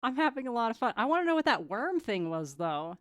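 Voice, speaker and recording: A young woman chats casually to her stream between turns of a tabletop game, bubbly and quick to giggle. Her pitch swings widely and her voice is smooth and crisp. It is recorded dry on a close streaming mic. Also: sing-song, no echo. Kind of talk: casual chat.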